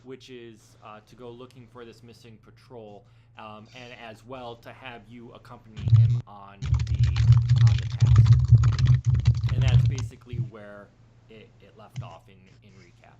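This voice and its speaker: A man running a tabletop role-playing game as game master over an online call, narrating hesitantly with many filler pauses. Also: mid-range voice, steady tone, muffled recording, very noisy. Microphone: computer mic on an online call. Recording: loud keyboard typing behind.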